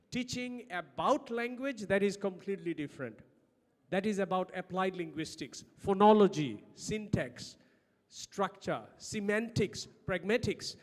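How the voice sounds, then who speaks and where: High-pitched Bangladeshi-accented man lecturing. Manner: emphatic, uses rhetorical questions. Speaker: academic conference speaker. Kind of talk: lecture-style conference presentation. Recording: long hall reverb on speech.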